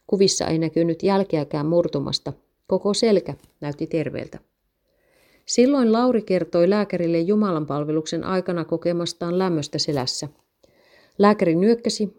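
A woman narrating a read-aloud story in a steady, measured way. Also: lowish voice.

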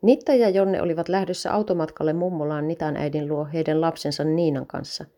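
A woman reading a story aloud in a calm, even storytelling manner. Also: deep voice.

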